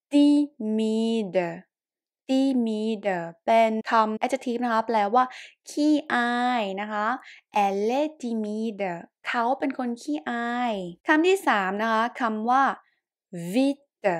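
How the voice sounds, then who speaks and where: A woman from Thailand gives a French pronunciation lesson in a fairly high voice. She says each word slowly and repeats it with patience, in a polite, gentle teaching tone. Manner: slow, patient word-by-word repetition.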